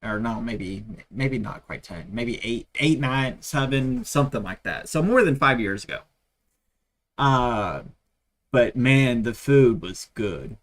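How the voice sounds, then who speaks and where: A Texan livestream host rambles casually, drifting between anecdotes and side comments. His medium-pitched voice is animated, though he takes his time.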